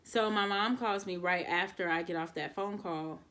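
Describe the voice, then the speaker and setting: Speaking straight to her viewers, a young woman tells an exasperated storytime on her vlog. Her delivery is casual and animated, in a mid-range voice at normal speed.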